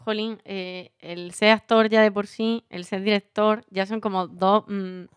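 A woman's voice: medium pitch, flat delivery, measured pace, clean tone, dry recording, studio quality. A woman interviewing a guest, asking friendly and curious questions in casual chat.

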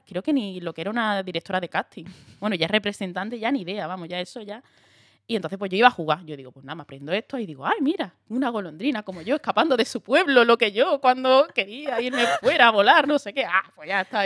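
A young woman from Andalusia, chatting as a guest and telling lively stories with laughs. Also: fairly low pitch, no echo, clean studio sound. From Andalusia, Spain. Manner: lively storyteller, laughs often, acts out quotes. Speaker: guest actress. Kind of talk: casual chat.

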